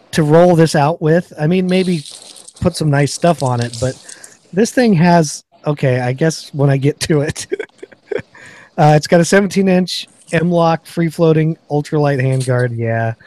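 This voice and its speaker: Man, podcast host, casual chat, mellow tone, dry sound. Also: fairly high pitch, no room sound. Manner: chatty, reads off product specs. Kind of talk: casual gun review chat.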